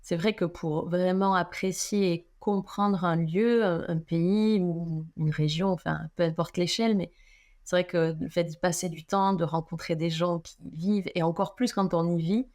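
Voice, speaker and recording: Low-voiced woman hosting a podcast interview. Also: steady tone, moderate pace, a little mellow. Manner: hesitant, rambling questions with fillers. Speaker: podcast host. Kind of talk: conversational interview questions.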